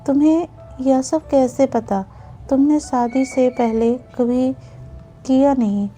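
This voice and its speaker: A woman voicing a young husband in a spoken storybook, talking plainly and reassuringly, without a deep man's voice. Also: steady tone, slow, mellow, faint music behind. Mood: gentle. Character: young husband, patient then frustrated.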